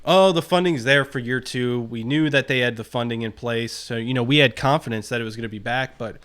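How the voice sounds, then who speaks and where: Man co-host, mid pitch, long reflective rambles, casual sports talk, call audio. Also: brisk, fairly bright tone. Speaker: podcast co-host.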